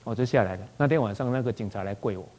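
A man with a Taiwanese Mandarin accent, a doctor telling a personal story in an animated way, often repeating words as he goes and slipping into Taiwanese phrases. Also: fairly low pitch, rapid-fire, slight background noise. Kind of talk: spoken personal anecdote.

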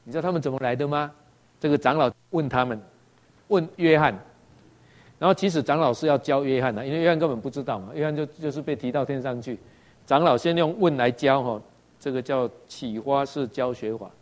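Male preacher, Taiwanese Mandarin accent, teaching sermon style, rhetorical questions, animated quoted dialogue. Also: medium pitch. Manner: tags sentences with "ha" and asks the audience questions; acts out quoted dialogue in varied voices.

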